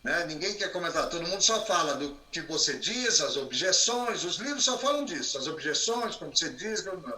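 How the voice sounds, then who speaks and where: A man lectures with lots of vocal play, pushing his voice up and dropping it low. His tone is very bright and forceful. The sound carries a roomy echo. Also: fairly quick, few pauses. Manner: expressive, plays with rising and falling voice. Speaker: guest speaker. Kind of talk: animated lecture on a live stream.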